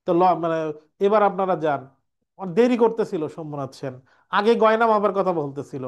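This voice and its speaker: A man's voice: sits high, lively intonation, a little fast. A male teacher runs an exam revision lecture, explaining step by step and answering his own questions. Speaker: Bengali language teacher.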